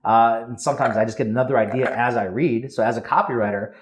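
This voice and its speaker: A man talks quickly and eagerly as a podcast guest. He is a copywriter laying out his process in casual interview chat. His voice sits at an ordinary middle pitch. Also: steady tone, slight background noise. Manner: high-energy, eager explaining.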